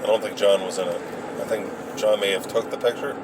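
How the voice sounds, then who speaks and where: A man casually rambling through old memories, halting and hesitant as he searches for details. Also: fairly low pitch, fairly even intonation. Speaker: vlogger recounting memories. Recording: noisy, with vehicle and ambient sound.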